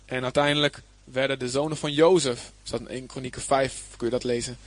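A man's voice: mid-range voice, fairly even intonation, fairly quick, no room sound. A man preaching a Bible lesson, reading scripture aloud and then explaining it plainly, with emphasis and some hesitant fillers. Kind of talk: Bible teaching.

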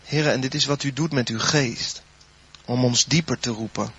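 A fervent male preacher delivers a sermon and leads a spoken prayer, rising to loud appeals and falling to near-whispers. His voice is husky and breathy. The recording sounds dull and lo-fi. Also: medium pitch, normal speed. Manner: fervent, swells loud then drops soft.

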